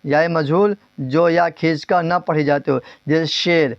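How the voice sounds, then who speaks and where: A man's voice: on the high side, steady tone, creaky, dry recording, muffled recording. Man drilling a grammar lesson. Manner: drills terms, asks and repeats answers; stretches words slowly, then speeds up. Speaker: teacher.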